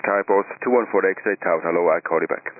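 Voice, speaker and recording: A low male voice gives clipped air traffic control instructions at a quick pace. The radio channel is narrow and tinny, with light hiss. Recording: narrow, hissy VHF radio transmission.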